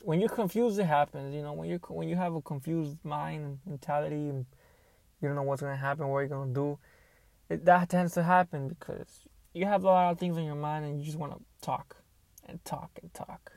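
Creaky young man rambling into earbuds mic. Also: on the high side, fairly even intonation, a little fast, no echo. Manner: unscripted, hesitant, thinking out loud. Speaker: podcaster. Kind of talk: casual rambling solo podcast monologue. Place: inside a car.

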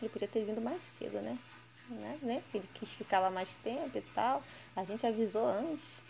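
A fairly high-voiced woman reads a Bible passage aloud and talks it through. Her commentary is casual and conversational, full of questioning tags, and it turns emphatic when she makes her point. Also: a little mellow. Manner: conversational, often ends phrases with a questioning tag. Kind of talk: scripture reading with casual commentary.

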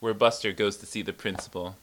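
A man co-hosting a podcast who chats casually and reacts with quick laughs. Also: fairly low pitch, fairly even intonation, a bit bright, slight background noise. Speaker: podcast co-host. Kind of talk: casual chat.

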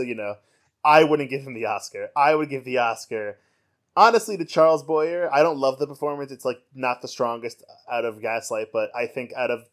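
A man co-hosting a casual podcast chat, rambling with frequent ums and amused asides. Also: medium pitch. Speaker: podcast co-host.

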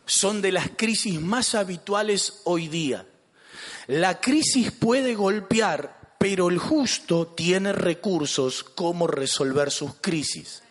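A man's voice: high voice, takes it slowly, long reverb tail. A man with an Argentine accent, a pastor preaching a sermon. He jokes and asks the congregation questions. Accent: Argentine Spanish. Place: church.

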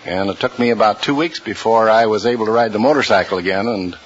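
An American man in his fifties answering as a quiz show contestant in a halting, plain-spoken way. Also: fairly low pitch. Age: 50s. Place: radio studio with audience. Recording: dull old radio recording, clear noise.

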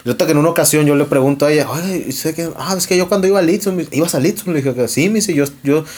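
A man's voice: a little high, racing, slightly rough. A young Mexican man with a Mexican accent, retelling an argument in casual podcast chat, full of slang and swearing. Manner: profane, slangy, animated retelling with quoted dialogue. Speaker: podcast host.

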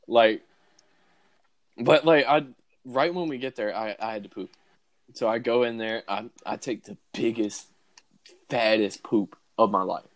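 A young man hosts a podcast, telling a story in casual, animated chat and laughing often. His voice is lowish and a little slow, and he pauses frequently.

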